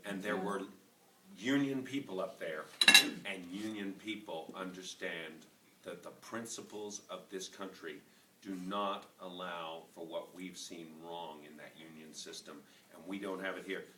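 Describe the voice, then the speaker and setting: A man, a county party chairman giving a fervent campaign speech that builds to loud, emphatic peaks. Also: deep voice, unhurried, recorded from a distance. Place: large room at a public forum. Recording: echoey hall, picked up from afar, faint noise.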